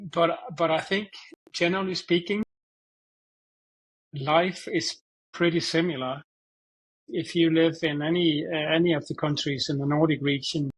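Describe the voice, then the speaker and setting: A man answers questions in a relaxed interview. He hesitates and repeats words as he thinks. His voice sits slightly high. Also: slightly rough, rough recording. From Denmark. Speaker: guest expert. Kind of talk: conversational interview.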